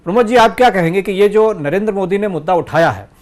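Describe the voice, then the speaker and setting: This man is the host of a studio news discussion, with a voice that is plainly high for a man. He listens attentively and sums up what his guest has said before he moves on to his next question. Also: fast, darkish tone.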